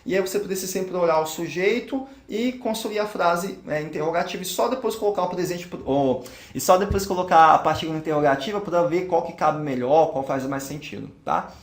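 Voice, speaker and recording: Brazilian guy teaching english grammar, kinda high voice, talks thru each answer, roomy sound. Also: fairly quick. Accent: Brazilian Portuguese. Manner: steps through each answer aloud, checking it. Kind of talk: explaining a grammar exercise.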